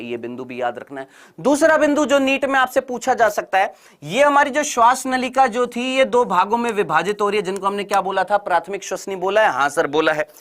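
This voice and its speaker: A male teacher runs an online exam-prep lecture, repeating every question and answer in call-and-response drills. He talks briskly and teasingly, pushing students to respond fast, and his voice sits high and a bit bright.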